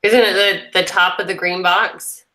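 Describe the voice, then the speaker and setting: A woman's voice: fairly low pitch, steady tone, measured pace, bright, forceful tone, reverberant, poor audio. A young woman, a student, chatting and asking questions on a video call while working through homework problems with others. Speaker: student in a study group. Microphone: computer mic on a video call.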